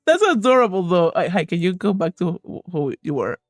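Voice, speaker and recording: An excitable woman streams a game, giggling and swearing as she reacts, her voice high and bouncing all over the place. The mic is dry and close, with faint game music behind her. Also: brisk, no room sound. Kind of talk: gaming stream commentary.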